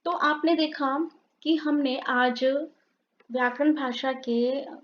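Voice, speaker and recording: Woman teacher, unhurried and deliberate, reads word lists for a class, muffled lo-fi sound. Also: sits high, steady tone. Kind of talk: grammar lesson for students. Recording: dull lo-fi sound.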